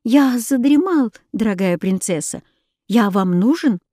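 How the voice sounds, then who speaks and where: A woman's voice: a little high, animated, unhurried, mellow, no room sound, studio quality. A woman voicing a small, loyal, wise male hedgehog with a thin little voice, reading from a storybook. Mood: earnest. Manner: earnest, devoted.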